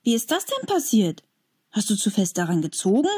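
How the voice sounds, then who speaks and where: A woman's voice: mid-range voice, big pitch swings, normal speed, a little mellow, slightly rough. A woman voicing an earnest young schoolboy who pleads and believes in storybook scenes. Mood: worried.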